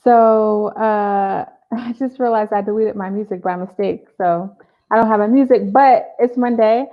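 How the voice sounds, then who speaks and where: Heard with phone-quality sound, a Boston-area woman, a therapist and live show host, eases into a casual video interview with filler-heavy warm-up chatter. She speaks unhurriedly in a steady, medium-pitched voice, with plenty of ums and uhs.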